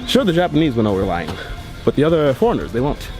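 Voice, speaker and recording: A man's voice: medium pitch, big pitch swings, fast talker. A man hosting a travel vlog, chatting casually and joking with a friend while out on a mountain trail and city streets. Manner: joking, chatty, filler-heavy. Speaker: travel vlogger. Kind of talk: casual on-camera chat. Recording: background music over the voice.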